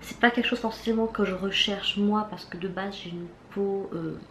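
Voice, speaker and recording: A woman's voice: medium pitch, steady tone, moderate pace, faint music behind. Woman chatting through a makeup haul. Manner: chatty, hesitant with many fillers and restarts. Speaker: beauty vlogger. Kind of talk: casual makeup haul review. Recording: echoey room with faint background noise.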